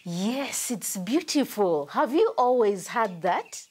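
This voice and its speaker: Actress as a curious, animated woman hiker. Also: mid-range voice, takes it slowly, breathy edge. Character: curious friendly female hiker questioning a gorilla. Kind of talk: scripted children's educational sketch.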